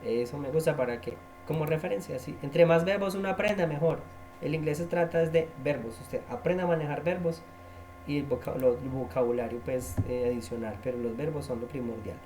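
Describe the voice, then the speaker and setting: A man's voice: a little high, fairly quick, a little mellow, a little hiss or hum. A man, teaching an English tutorial lesson and patiently repeating key words to drill them.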